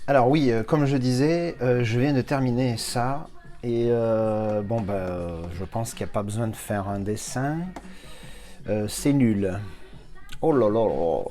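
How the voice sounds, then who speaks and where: A man's voice: mid-range voice, darkish tone. A man with a French accent giving a casual, rambling film and Blu-ray review, full of fillers and restarts and chatty asides to the viewer.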